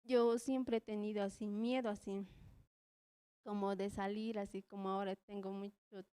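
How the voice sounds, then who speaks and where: A woman's voice: medium pitch, flat delivery, moderate pace, warm tone, clean tone. A young woman volunteer giving a hesitant church testimony, nervous and trembling, filling every phrase with the same little word. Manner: hesitant, repeats "así" constantly, nervous. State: trembling with nerves.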